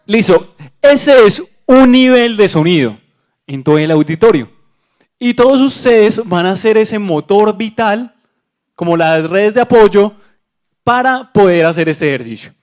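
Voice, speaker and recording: A man's voice: lively intonation, a little mellow. A man from Colombia leading a playful call-and-response game with an audience in a large auditorium. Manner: playful, drawn-out calls with pitch swings. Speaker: activity leader at a conference.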